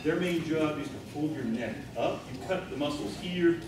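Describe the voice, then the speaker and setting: A man's voice: on the high side, normal speed, very echoey, background noise. A man giving a blunt, matter-of-fact keynote lecture with demonstrations in a large hotel meeting room, recorded by a far camera. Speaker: keynote speaker. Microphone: far camera, no visible mic.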